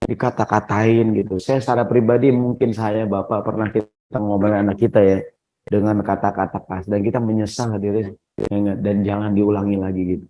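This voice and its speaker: Animated preacher. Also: male voice, on the low side, low-quality recording. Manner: conversational, keeps asking the audience "ya nggak?"; often addresses listeners as "hadirin". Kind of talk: mosque sermon. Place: mosque hall.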